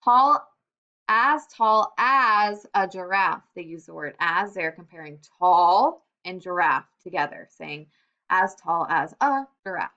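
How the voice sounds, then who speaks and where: A woman teacher giving a recorded lesson to young children, upbeat, slowing down to stress example phrases. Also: lowish voice, animated, bright, forceful tone. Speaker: elementary school teacher. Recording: slightly dull computer-mic sound.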